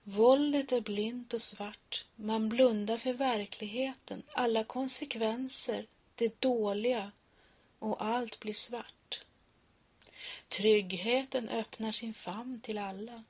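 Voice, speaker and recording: A woman reading poems and a short story aloud in a soft, husky voice that often drops to a whisper. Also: on the high side.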